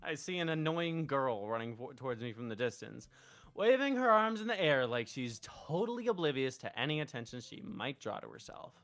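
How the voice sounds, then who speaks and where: A streamer and host chats casually while playing a game and reading its text aloud, swearing freely in an informal manner. The voice is mid-range and a bit bright, a little fast, with big pitch swings.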